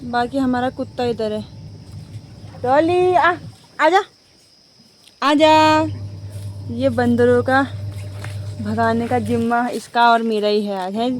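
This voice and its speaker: A young woman with a slightly high, mellow voice speaks at normal speed in a level tone, with slight background noise. In a casual, chatty vlog, she talks directly to viewers while walking around a village outdoors, faint animal sounds in the air.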